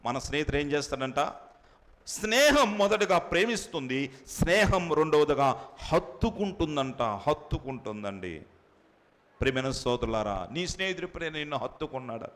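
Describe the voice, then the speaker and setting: A man's voice: big pitch swings, normal speed. Emphatic preaching man in a reverberant hall. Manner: emphatic preaching with sudden rises and drops in pitch and loudness; repeats phrases for emphasis. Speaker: pastor. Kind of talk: sermon.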